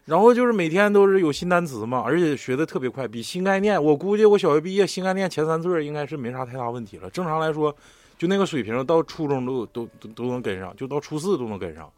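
A man with a Northeastern Mandarin accent, telling a story on a casual podcast in a profane, animated way. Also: a little high, fast talker, no echo. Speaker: podcast co-host.

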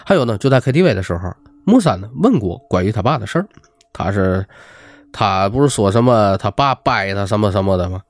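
Man, lowish voice, animated storytelling, faint music behind. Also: a little fast, no echo. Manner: lively, chatty, acts out quotes. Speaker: storyteller host. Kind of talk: casual ghost-story narration.

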